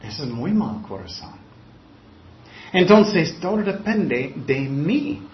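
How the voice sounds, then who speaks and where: High-voiced man preaching in an echoey room. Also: very animated, slow pace. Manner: preaching with mocking quoted voices. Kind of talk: sermon. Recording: echoey room, dull lo-fi sound.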